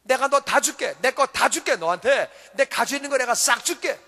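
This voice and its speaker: A forgiving old father from a parable pleads and repeats his offer to give everything away, as a male preacher puts him on. The voice is high and bright, and it rings in a church hall. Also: lively intonation, brisk, heavily acted. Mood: generous, urgent. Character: forgiving elderly father in a parable, generous and urgent.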